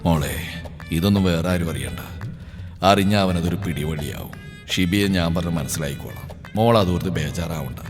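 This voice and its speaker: A man voicing a worried, protective older father in an audio story, low and soft. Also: normal speed, lightly acted. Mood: tender, worried. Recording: reverberant with faint music.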